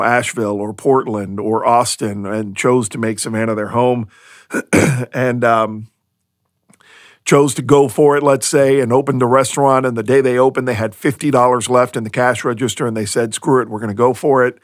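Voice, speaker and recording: A man's voice: medium pitch, steady tone, moderate pace, no echo, studio quality. A man hosting a food podcast, chatting casually and with amusement, rambling through restarts and asides. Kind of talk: casual solo podcast monologue.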